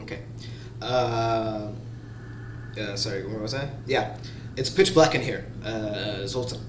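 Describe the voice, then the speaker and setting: Halting man narrating a tabletop game. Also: lowish voice, background noise. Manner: slow, halting, with many restarts. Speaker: game master. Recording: roomy sound, faint background music.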